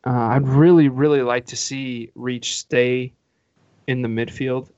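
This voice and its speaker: A man's voice: mid-range voice, steady tone, measured pace, a little mellow, no echo. A man hosting a casual football podcast, telling rambling anecdotes full of restarts. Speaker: podcast host. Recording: dull, dry lo-fi recording.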